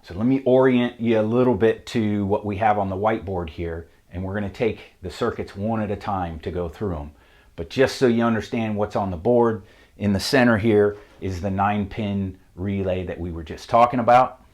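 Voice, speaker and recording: Southern-accented male mechanic, low-pitched, methodical whiteboard instructor. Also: normal speed. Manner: methodical, plain-spoken, steady. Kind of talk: technical how-to explanation. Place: shop with a whiteboard.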